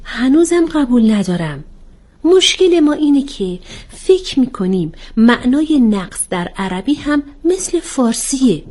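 A woman voicing a calm young woman who patiently explains things in a storybook reading. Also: high-pitched, pitched above the performer's own voice. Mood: explaining.

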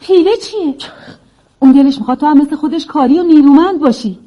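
A woman's voice: high-pitched, lo-fi sound, close to an everyday voice. A woman playing an anxious, caring mother in a dubbed drama, fretful and coaxing.

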